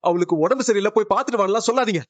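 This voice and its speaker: A man's voice: sits high, racing, no echo, natural voice. An actor playing a grown son who pleads with his parents, close to sobbing, in a Tamil serial drama. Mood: pleading. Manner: pleading, breaking into sobs. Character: grown son refusing his estranged wife, anguished. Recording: dull muffled TV-serial audio.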